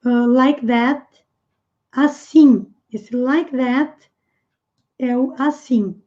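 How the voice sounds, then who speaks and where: A woman English teacher explaining a lesson, patiently repeating English phrases slowly and clearly. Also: high-pitched, dark tone, highs cut off.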